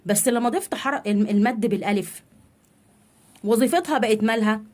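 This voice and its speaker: A woman with an Egyptian Arabic accent leads a children's reading lesson. Her voice sits a little high, and she asks questions and answers them herself, drawing out syllables slowly. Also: darkish tone. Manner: explains in a question-and-answer way, stretching out sounds and syllables. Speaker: teacher.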